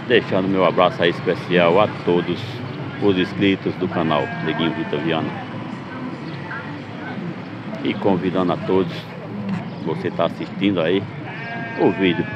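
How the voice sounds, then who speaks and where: A man from Pernambuco, cheerfully narrating a casual vlog from an outdoor street market. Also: low-pitched. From Pernambuco, Brazil. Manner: upbeat, repetitive greetings to viewers. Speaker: vlogger. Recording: dull lo-fi sound, loud street noise.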